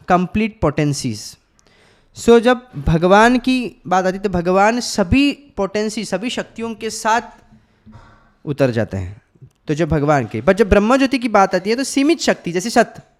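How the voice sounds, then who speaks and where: Slow, high-voiced man teaching scripture. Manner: explains verses slowly, pauses, repeats and restarts phrases; tells listeners to write points down. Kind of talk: scripture class mixing Hindi and English.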